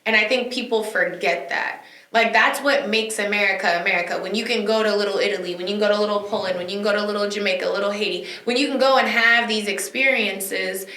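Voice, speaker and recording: A woman co-hosting a casual discussion, making her points with sharp rhetorical questions. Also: mid-range voice, quick pace, hardly any pauses. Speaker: podcast co-host. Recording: echoey room.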